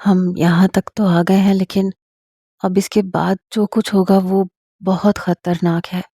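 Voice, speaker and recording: A woman reading the part of a shy, anxious married noblewoman, speaking softly and teasingly. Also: medium pitch, little pitch movement, breathy edge, no room sound, studio quality. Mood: worried. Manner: soft, hushed and teasing. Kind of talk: dramatic audiobook reading.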